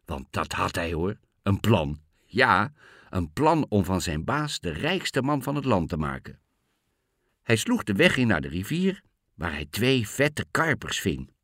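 A man reading a fairy tale aloud with very expressive, swooping intonation. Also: lowish voice, measured pace, no echo, clean studio sound. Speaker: narrator.

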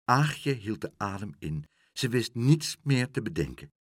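Male storyteller, husky, very lively pitch, children's tale. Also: a little slow, no room sound, clean studio sound. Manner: expressive, doing all the voices. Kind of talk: children's story read aloud.

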